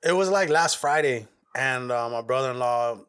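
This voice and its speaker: A man's voice: mid-range voice, normal speed, fairly bright tone, smooth. A man co-hosting a podcast, bantering in an easygoing way and swearing freely. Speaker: podcast co-host. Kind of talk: casual chat.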